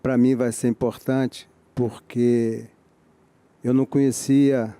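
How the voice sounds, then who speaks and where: An older Brazilian man from Rio de Janeiro speaking as a guest in a measured, formal, grateful manner. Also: mid-range voice, flat delivery, warm tone, clean tone, no echo.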